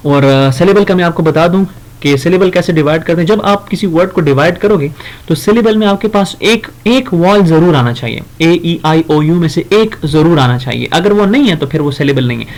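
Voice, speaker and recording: A man teaching a grammar lesson in Hindi. He reads example sentences slowly and explains them casually, with fillers and self-corrections. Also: on the high side, lively intonation, darkish tone.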